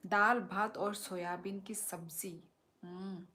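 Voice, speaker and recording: Slow-talking young woman chatting on a live stream. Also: mid-range voice. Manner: relaxed, chatty, drops to soft whispers at times. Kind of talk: casual live-stream chat with viewers.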